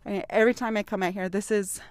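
A woman's voice: medium pitch, steady tone, racing, no room sound, studio quality. A woman hosting a live podcast on location at an outdoor community event, upbeat and a little out of breath. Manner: enthusiastic, upbeat. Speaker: podcast host.

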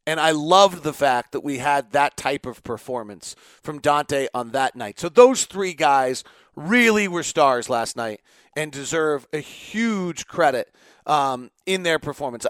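Middle-aged male podcast host, slightly high voice, earnest and rambling with lots of fillers, dry close mic. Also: a bit bright, no echo. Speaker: podcast host and team radio voice. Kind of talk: casual solo podcast talk.

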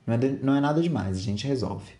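A man voicing a short-tempered middle-aged father who shouts insults, then turns remorseful. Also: mid-range voice, animated, fast, reverberant, close to an everyday voice. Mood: remorseful coaxing.

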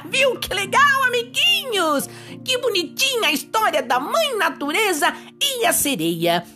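Jolly pirate host for children's story podcast, played by a woman: high, very animated, sing-song, friendly. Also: normal speed, few pauses, over music. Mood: cheerful. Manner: exaggerated, sing-song, addressing little listeners.

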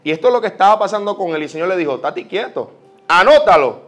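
A man with a Puerto Rican accent preaching a sermon, telling personal stories with lively quoted prayers. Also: sits high, quick pace. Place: church.

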